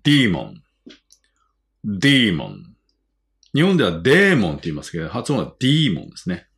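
A man with a Japanese accent teaching an English vocabulary lesson. He reads each word twice, then explains it slowly. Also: lowish voice, wildly swooping pitch, a bit bright.

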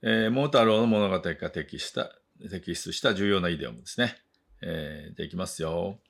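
Male English teacher, low and slightly husky, drawn-out model words, quick friendly asides. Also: a bit bright. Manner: repeats each word twice for learners. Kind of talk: vocabulary pronunciation lesson.

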